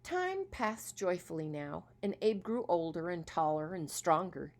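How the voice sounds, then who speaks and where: Expressive woman reading a children's story. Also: on the low side, unhurried. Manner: expressive, asks listeners questions.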